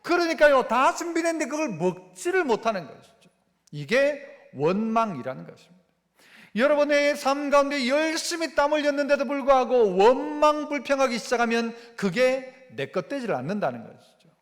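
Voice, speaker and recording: Male pastor, Gyeongsang accent, high animated sermon voice, church reverb. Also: normal speed. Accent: Gyeongsang Korean. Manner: animated, acts out complaining voices with dialect phrasing. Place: church sanctuary.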